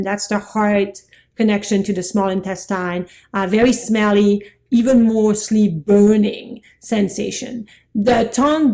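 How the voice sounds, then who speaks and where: A middle-aged woman teaching Chinese medicine in a chatty, excitable way, laughing at herself as she goes. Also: medium pitch. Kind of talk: informal lecture.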